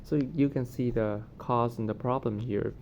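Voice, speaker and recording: A man's voice: steady tone, moderate pace, darkish tone. A man giving casual, unscripted commentary on current events, hesitant and often searching for words. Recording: noticeable low rumbling background noise.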